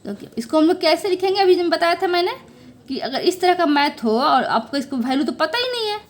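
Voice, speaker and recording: A woman's voice: very high voice, lively intonation, a little fast. A young woman maths teacher explaining step by step, talking to her students as children and checking they follow along. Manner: coaxing, checks understanding with frequent "okay"; addresses viewers as children.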